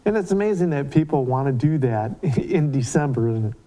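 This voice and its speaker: Male interviewer, brisk delivery, warm dark timbre, chatty and casual. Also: medium pitch, expressive, poor audio. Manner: chatty, with tag questions.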